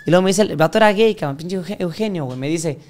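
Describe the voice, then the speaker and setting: A young Mexican man with a high-sitting, darkish voice talks fast as a guest on a podcast. In this casual storytelling interview, he tells crude, profanity-filled stories and acts out the voices of the people he quotes.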